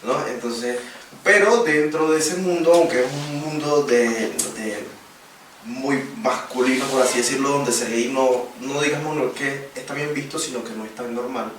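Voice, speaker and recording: A man speaking as a guest on a round-table panel, telling about his work as an athlete in a lively, animated way. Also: mid-range voice, normal speed. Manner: lively, animated storytelling with laughter. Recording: echoey room, distant mic, noisy.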